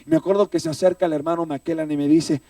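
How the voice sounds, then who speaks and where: Man preaching, dark tone, heard from a distance on a phone livestream of a church. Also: fairly high pitch, steady tone, quick pace, gravelly, no room sound. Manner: emotional storytelling, repeatedly addressing "hermano". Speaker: preacher giving testimony. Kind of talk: sermon testimony. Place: church, recorded live. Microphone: phone stream from a distance.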